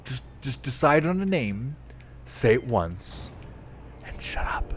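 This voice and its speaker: A man's voice: medium pitch, sing-song, slow pace, a little hiss or hum. A young man streaming a game, rambling casually, swearing freely and mocking himself as he plays. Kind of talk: casual gameplay commentary.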